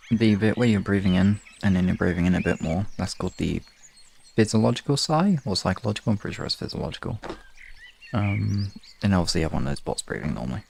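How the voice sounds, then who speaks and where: A man who hosts relaxation sessions as a hypnosis ASMR streamer chats casually on a live stream, hesitant and rambling as he questions himself. His voice is fairly low with vocal fry, and there's slight background noise.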